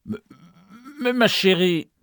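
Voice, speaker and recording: A woman's voice: medium pitch, slow pace, clean tone, no echo, clean studio sound, pitched above the performer's own voice, natural voice. A woman reading a story, putting on the voice of a meek, hesitant husband who tries to placate his wife. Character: meek timid husband, middle-aged man.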